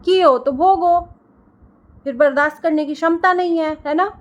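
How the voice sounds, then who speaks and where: A woman's voice: very high voice, normal speed, muffled recording. A woman reaction creator delivering a heated, scolding rant and repeating phrases for emphasis.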